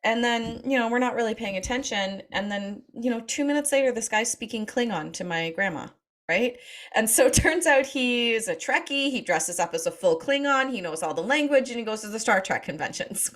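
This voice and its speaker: A woman's voice: on the high side, animated, fairly quick. A woman telling family stories to an audience, laughing often and acting out quoted voices. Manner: warm anecdotal, laughs often, acts out quotes. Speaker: speaker. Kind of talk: storytelling talk to an audience.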